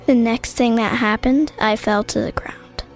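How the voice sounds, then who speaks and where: Brief: timid young girl, voiced by a woman, high and nervous, soft music underneath. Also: fairly even intonation, a little slow. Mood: worried. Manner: anxious, pleading questions.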